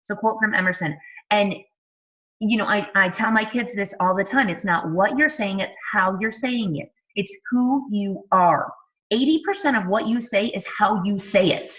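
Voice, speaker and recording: A woman's voice: mid-range voice, normal speed, a bit bright, lo-fi sound. A woman in her thirties, a fitness coach, giving a casual sales talk full of "like", "you know" and rhetorical questions. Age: 30s.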